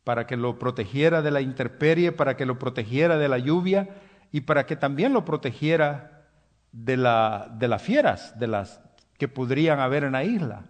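A man's voice: medium pitch, animated, normal speed. Man preaching with hesitant restarts. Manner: hesitant fillers and restarts, drops soft at line ends; self-described hasty. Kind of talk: sermon.

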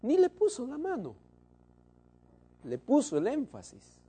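A man preaching a sermon to his congregation, shifting between loud emphasis and soft, low asides. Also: wildly swooping pitch, measured pace, husky.

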